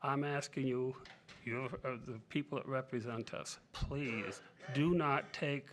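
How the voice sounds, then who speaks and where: A man's voice: mid-range voice, steady tone, unhurried. An older man giving public comment at a city council meeting, earnest and rambling.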